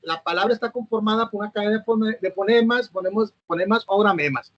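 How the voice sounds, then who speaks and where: A man's voice: high voice, fast talker, fairly bright tone, dry recording, lo-fi sound. A man, recording a lecture for his students by himself, hesitant, with fillers and self-corrections and a habit of asking "¿no?". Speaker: teacher.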